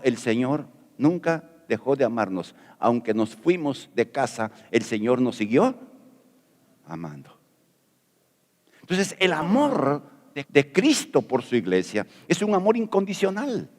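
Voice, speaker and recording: A man's voice: medium pitch, a little mellow. Folksy preaching man, echoing church hall. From Peru. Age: middle-aged. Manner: folksy, jokey preaching with rhetorical questions. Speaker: pastor. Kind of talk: sermon.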